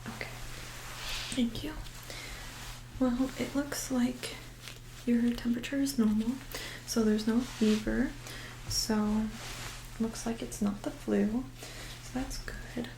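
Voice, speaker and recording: A woman performs a soft-spoken medical role-play in a soft, breathy voice. Her pitch sits a little high but stays very even, and she speaks slowly. Her manner is gentle, calm and reassuring, like a nurse at the bedside. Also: slight background noise, poor audio. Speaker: ASMR performer playing a medical examiner.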